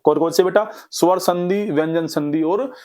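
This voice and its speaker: A fairly high-voiced man teaches a revision lesson. He drills the class in a lively, repetitive way, firing off questions and answering them himself. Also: normal speed. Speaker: Hindi exam-prep teacher.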